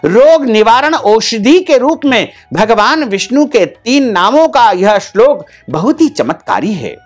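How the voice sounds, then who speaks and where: Slow, lilting man giving a devotional talk. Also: very high-pitched, big pitch swings, soft background music. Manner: repeats phrases in rhythmic, listing cadence. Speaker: spiritual teacher. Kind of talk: devotional discourse with mantra chanting.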